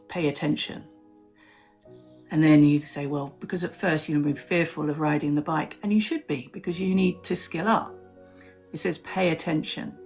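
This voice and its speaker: A woman's voice: low voice, vocal fry, a little mellow. A woman hosting a live stream, talking reflectively and telling a personal story with many fillers. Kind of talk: casual live-stream talk.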